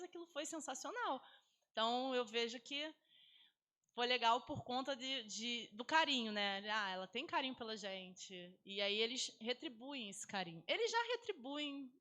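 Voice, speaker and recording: A woman teacher talks through an interview. Her voice is bright and pushes forward. She is animated, often jumping up in pitch to quote what her pupils said. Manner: animated, acts out pupils' lines in a higher voice. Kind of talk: interview, casual recollection.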